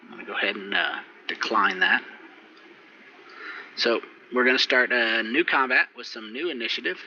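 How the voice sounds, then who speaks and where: A man recapping last session as game master, relaxed and rambling with fillers, over muffled voice chat audio. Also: mid-range voice, moderate pace, a little hiss or hum. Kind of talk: recapping and running a tabletop game.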